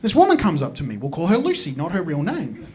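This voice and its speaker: A man's voice: a little high, wildly swooping pitch, fast talker, a little mellow. A man in his thirties with an Australian accent, telling a rambling, self-deprecating stand-up story and swearing freely on stage. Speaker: stand-up comedian. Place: comedy stage before a live audience.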